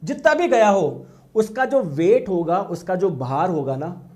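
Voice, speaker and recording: A man's voice: high-pitched, expressive, measured pace, darkish tone. A male teacher giving a classroom lecture, often asking the class questions and acting out the students' replies.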